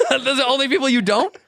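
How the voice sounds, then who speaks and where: A man co-hosting a comedy podcast, teasing his partner in casual banter and laughing often. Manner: teasing, laughs often, breaks into loud high laughs. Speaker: podcast co-host.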